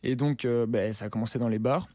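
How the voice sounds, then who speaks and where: A young man, a musician guest in an interview, talks a little fast in a mid-range voice, captured in clean studio sound with no room echo. His relaxed, slangy chatter has plenty of fillers and restarts.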